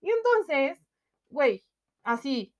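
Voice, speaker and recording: A woman's voice: high-pitched, slow pace. Chatty young Mexican woman, slightly muffled. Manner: slangy, animated storytelling with constant fillers. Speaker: podcast co-host. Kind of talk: casual chat.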